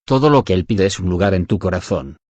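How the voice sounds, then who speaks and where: A man narrating a devotional audiobook in an even, measured reading style. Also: deep voice, no echo. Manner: even, measured reading that voices punctuation aloud.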